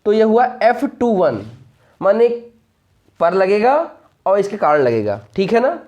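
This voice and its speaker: A man's voice: high voice, big pitch swings, a little slow, darkish tone, lo-fi sound. Man teaching, quizzing himself aloud. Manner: asks rhetorical questions then answers them; repeats key points, checks understanding often. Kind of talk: explaining a physics lesson.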